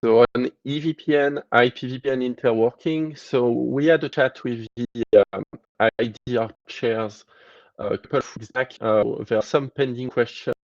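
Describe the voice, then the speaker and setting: A man chairing an online meeting, giving halting status updates with many fillers over a video call, his mic audio clipping and distorted. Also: mid-range voice, fairly even intonation, no room sound, muffled recording. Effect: clipping, distorted mic audio that breaks up. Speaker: working group chair.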